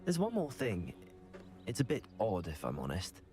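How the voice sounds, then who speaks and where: A man voicing a calm, curious young male student in video game dialogue, matter-of-fact in manner. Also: lowish voice, normal speed, soft background music.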